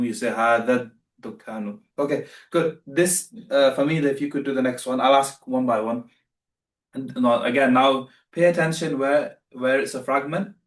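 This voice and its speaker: A man's voice: medium pitch, steady tone, moderate pace, reverberant, recorded from a distance. A man teaching beginner Arabic in a live online class, patient and repeating himself as he corrects students.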